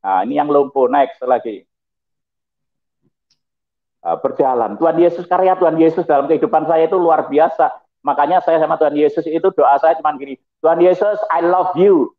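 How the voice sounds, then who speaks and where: A middle-aged man, a pastor giving his testimony in a lively, preachy way with chuckling asides. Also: fairly high pitch, a little fast, long pauses. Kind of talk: testimony talk over slides. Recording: tinny phone-like audio.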